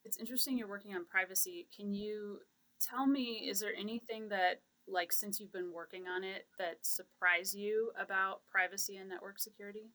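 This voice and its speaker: A woman's voice: medium pitch, steady tone, normal speed, bright, forceful tone. A woman hosting a casual podcast interview, upbeat as she guides the conversation. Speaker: podcast host.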